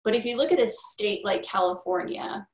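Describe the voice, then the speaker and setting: A woman's voice: medium pitch, normal speed. A young woman hosting an interview over a video call, her questions loose and conversational. Her voice sits in the middle of the female range, and the webcam audio carries a noticeable room echo. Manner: conversational, building up long questions. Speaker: museum host and interviewer. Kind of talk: livestream interview. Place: indoor room with a plain wall.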